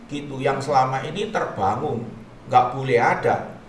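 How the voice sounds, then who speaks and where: Man, pastor, animated storytelling, acts out quoted voices, echoey room, distant mic. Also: mid-range voice, normal speed, slight background noise. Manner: acts out quoted voices, swinging from loud bursts to soft pleading. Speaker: pastor telling his testimony.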